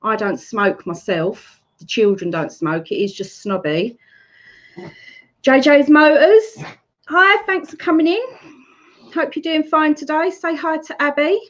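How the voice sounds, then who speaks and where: A woman's voice: high-pitched, expressive, measured pace. A middle-aged woman with an Essex accent hosting a casual livestream chat, greeting viewers by name and laughing often. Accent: Essex English. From Essex, England. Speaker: livestream host. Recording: slightly muffled lo-fi stream audio.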